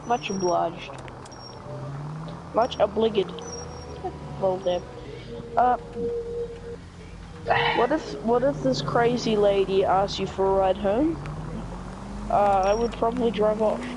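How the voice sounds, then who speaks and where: A friend with a nasal voice chats and jokes sarcastically over voice chat while gaming. The pitch sits in the middle. Clear background noise runs under the call. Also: a little slow, pauses often. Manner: joking, sarcastic. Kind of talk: casual gameplay chat.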